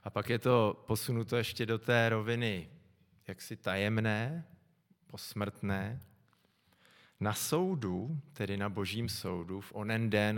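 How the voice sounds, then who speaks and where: A middle-aged man preaching a sermon, calm and reflective, often pausing to think aloud. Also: lowish voice. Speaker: pastor. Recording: long echo from a large hall.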